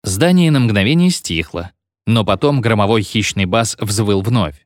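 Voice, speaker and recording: A man narrating a short story in an expressive, theatrical audiobook reading. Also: fairly low pitch, measured pace, no room sound, clean studio sound. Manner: theatrical, animated.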